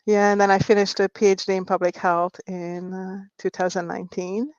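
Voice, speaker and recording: Woman from Hungary, middle-aged, soft-spoken, hesitant, dry dull lo-fi sound. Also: mid-range voice, little pitch movement, fairly quick, no echo. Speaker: guest, nurse and writer. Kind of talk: interview conversation.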